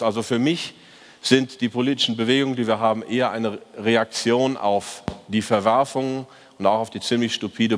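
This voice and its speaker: A man giving a conference talk as a fund manager, reviewing the market year in an opinionated, ironic way with frequent hesitations. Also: on the low side. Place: conference hall, on stage. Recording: reverberant conference hall.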